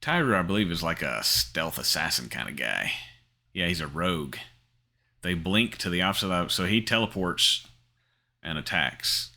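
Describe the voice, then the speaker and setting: A middle-aged man who hosts a crypto gaming channel gives casual screen-share commentary, rambling with lots of ums, fillers and restarts. His voice is low, pushed and bright with vocal fry, and he speaks at a moderate pace with lively intonation.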